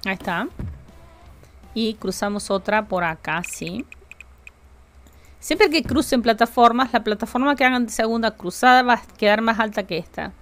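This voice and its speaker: A woman's voice: a little high, animated, moderate pace, long pauses, a bit bright, faint music behind. A woman with a Rioplatense Spanish accent, chatting casually with her live-stream chat while building in a game, jokey and talkative.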